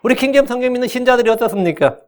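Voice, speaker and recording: High-voiced joking Korean pastor. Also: male voice, lively intonation, very fast. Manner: colloquial and joking, acts out quoted voices. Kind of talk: sermon.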